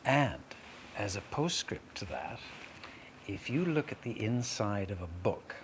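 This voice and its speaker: Man, lowish pitch, event host addressing children, formal wordy phrasing, articulate, slight background noise. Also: very animated, measured pace. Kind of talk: explaining and quizzing children at a live event. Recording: noisy live room.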